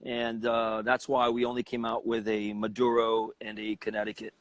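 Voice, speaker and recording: A man's voice: fairly low pitch, completely flat delivery, normal speed. A man from Cuba, a cigar company president, talking as an interview guest in a confident, persuasive way.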